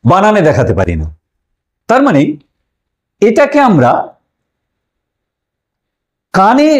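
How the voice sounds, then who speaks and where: Animated high-voiced male teacher. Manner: asks questions then answers them, stressing key words; addresses viewers as friends. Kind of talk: explanatory language lesson.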